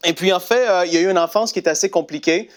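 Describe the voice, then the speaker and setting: Animated Québécois French man telling a story. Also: sits high, rapid-fire. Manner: animated, with many fillers and restarts. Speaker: co-host.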